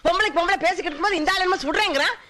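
An actress playing a quarrelsome older mother-in-law who nags and scolds loudly in film dialogue. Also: very fast, a crowd in the background. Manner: shrill, nagging, quarrelsome.

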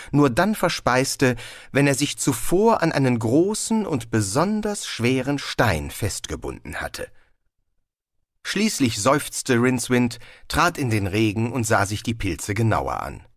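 A man narrating an audiobook in a dry, measured storytelling manner. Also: medium pitch, dry recording. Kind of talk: scripted narration.

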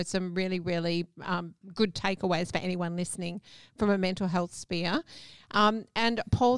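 A woman's voice: mid-range voice, clear, resonant tone, dry recording. An older woman hosting a radio interview, chatty and giggly as she asks questions. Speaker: radio host. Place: small radio studio. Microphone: freestanding microphone.

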